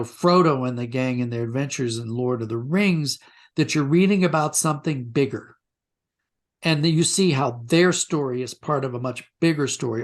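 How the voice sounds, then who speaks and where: A writer, a man with a mid-range voice, is being interviewed and speaks reflectively and haltingly, rephrasing his thoughts as he goes.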